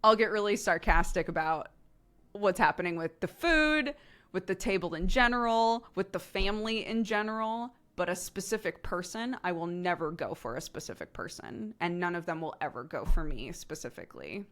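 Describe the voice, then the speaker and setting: A young woman streamer chatting casually, laughing often and tagging her stories with quick "right?" asides. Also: lowish voice, lively intonation, fairly bright tone. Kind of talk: casual chat.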